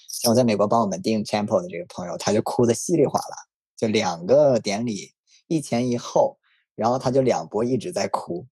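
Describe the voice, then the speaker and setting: Mellow-voiced man telling a personal story. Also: medium pitch, husky, no echo. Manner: relaxed, reflective, frank. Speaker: story guest.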